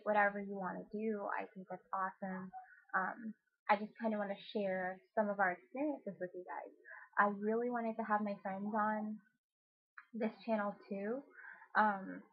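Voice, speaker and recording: A woman in a casual vlog, excited and rambling, filling pauses and swearing freely. Her voice sits at a middle pitch with a slightly husky edge. The sound is thin and lo-fi, like a phone line. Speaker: YouTube channel host.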